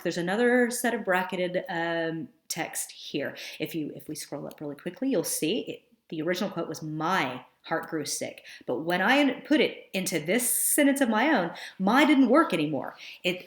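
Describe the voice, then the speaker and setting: A woman's voice: on the low side, animated, normal speed, hardly any pauses. A woman teacher narrating a screencast lesson in an explanatory, conversational way with some fillers. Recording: roomy echo.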